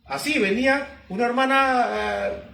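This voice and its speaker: A man's voice: extremely high pitch, unhurried, vocal fry, pushed and bright, recorded from a distance, soft background music. A man, a pastor preaching emphatically with repeated rhetorical questions. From Peru. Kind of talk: sermon teaching. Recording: roomy sound from off-mic.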